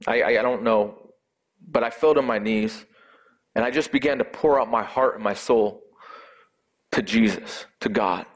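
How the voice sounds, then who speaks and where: Man, personal testimony, earnest and emotional, halting delivery. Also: on the low side.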